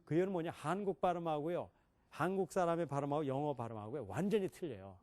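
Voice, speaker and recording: A man's voice: on the high side, lively intonation, quick pace, a little mellow. A middle-aged man giving a classroom lecture on English pronunciation, questioning his listeners and demonstrating sounds.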